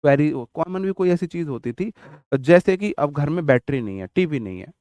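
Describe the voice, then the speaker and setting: Male exam-prep teacher, chatty and playful, fairly high voice, dry close mic. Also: expressive, normal speed, warm tone, dry recording. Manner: chatty, jokey, tells childhood anecdotes. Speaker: vocabulary teacher. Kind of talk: casual Hindi exam-prep lesson with memory tricks.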